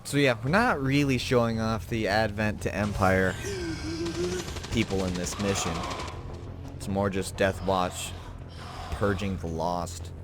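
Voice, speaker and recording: A man's voice: fairly low pitch, measured pace, long pauses, music in the background. A man hosting a gaming video, giving casual commentary and musing to himself as he goes.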